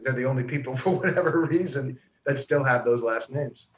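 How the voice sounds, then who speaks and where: A man's voice: mid-range voice, fairly quick. An American man asks curious follow-up questions in a casual chat. His voice sounds roomy and echoey, and the mic is dull and lo-fi. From United States. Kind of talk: casual group discussion.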